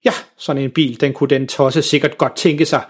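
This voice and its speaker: A man's voice: mid-range voice, fairly even intonation, breathy edge, natural voice. A man voicing a snooty, sour older woman neighbor in a children's story, talking down to everyone in a stiff, condescending way.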